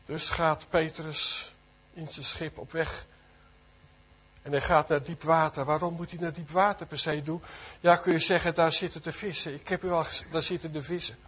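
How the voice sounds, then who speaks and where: Husky-voiced earnest male preacher. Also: fairly high pitch, flat delivery, normal speed, a bit bright. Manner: earnest, fervent, many rhetorical questions. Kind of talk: sermon.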